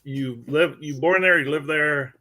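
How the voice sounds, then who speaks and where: A man's voice: a little high, unhurried, crowd noise. A man hosting a casual chat, asking guests easygoing questions and laughing often. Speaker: host.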